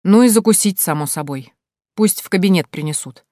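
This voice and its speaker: A woman voicing a gruff middle-aged man giving brisk orders in an audiobook. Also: on the low side, lively intonation, warm tone, no echo, studio quality, close to an everyday voice. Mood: dry. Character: gruff middle-aged male boss, host of house.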